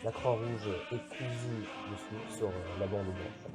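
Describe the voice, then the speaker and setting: A man's voice: on the low side, steady tone, a little slow. Hesitant man unboxing, music behind. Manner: hesitant, many "euh" fillers. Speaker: YouTuber unboxing militaria. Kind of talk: casual unboxing vlog. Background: background music.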